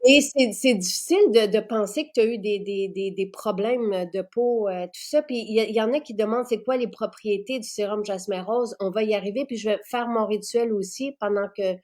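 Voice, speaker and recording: Woman host, eager, leans on repeated words, medium pitch. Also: brisk, hardly any pauses, darkish tone. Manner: enthusiastic, repeats words for emphasis. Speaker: host presenting skincare products. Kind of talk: casual chat.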